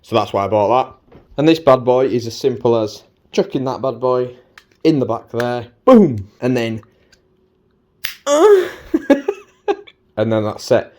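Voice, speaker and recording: A British man with a mid-pitched voice talks through equipment in a casual vlog style. His delivery is chatty and informal. He leans on cheeky slang as he presents. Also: normal speed, darkish tone. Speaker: motovlogger presenting gear. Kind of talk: casual chatty gear walkthrough.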